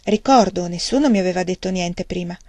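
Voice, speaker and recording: A woman reading the lines of a kindly, teasing older gentleman in a fatherly, gently chiding manner. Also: fairly low pitch, a little fast, dry recording, natural voice. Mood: puzzled, fond.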